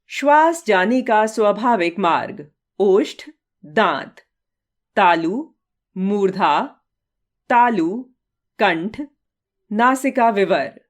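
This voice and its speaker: Woman, grammar teacher, unhurried dictation of definitions and example lists. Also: mid-range voice, lively intonation. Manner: measured, dictating lists item by item. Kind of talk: slow read-aloud grammar lesson.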